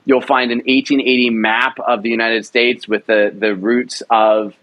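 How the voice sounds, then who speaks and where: In a casual interview with poor audio quality, a young adult man who writes and directs rambles keenly about his audio drama, full of fillers. His medium-pitched, slightly bright voice has little pitch movement and a measured pace.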